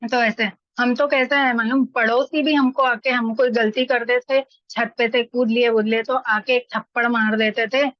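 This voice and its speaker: Woman, middle-aged, casual anecdotal talk, fairly high pitch, dry close sound, muffled lo-fi recording. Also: steady tone, normal speed, hardly any pauses, dry recording. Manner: chatty, anecdotal, acts out quoted voices. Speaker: study group speaker. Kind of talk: casual spoken discussion.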